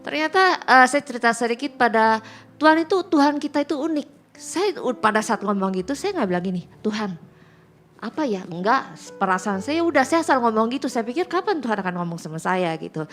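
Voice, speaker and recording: A woman's voice: fairly high pitch, expressive, a little fast, a bit bright, faint music behind. A middle-aged woman, a pastor's wife, chatting as a guest and telling her testimony with lots of quoted dialogue. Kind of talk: casual testimony chat.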